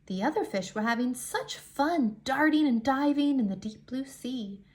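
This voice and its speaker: Reading a picture book to young children, a woman with a high voice performs it expressively, adding deliberate dramatic emphasis.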